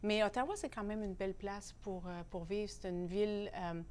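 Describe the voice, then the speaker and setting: An animated woman with a Canadian French accent talks casually as an interview guest. She speaks at a middling pitch and holds firm opinions, and she often stops on "euh" to gather her thoughts. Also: a little hiss or hum. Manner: opinionated, animated, pauses on fillers. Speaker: newspaper columnist, guest.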